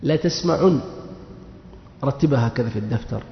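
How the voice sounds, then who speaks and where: A man's voice: medium pitch, expressive, a little fast, a little hiss or hum. A man teaching a grammar lesson, asking questions and answering them himself, repeating key words. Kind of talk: classroom lesson. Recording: muffled echoey hall recording.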